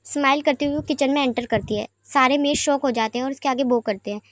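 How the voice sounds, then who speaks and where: A woman's voice: sits high, fast talker, no room sound, clean studio sound. A woman reading fan fiction aloud in plain running narration. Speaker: storyteller.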